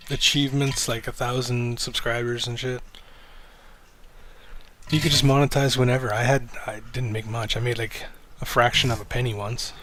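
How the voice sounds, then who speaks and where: Rambling, swearing livestream host guy. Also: slight background noise. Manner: rambling, self-deprecating, swears casually; low-key, speaks of himself as monotone. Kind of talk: casual livestream chat.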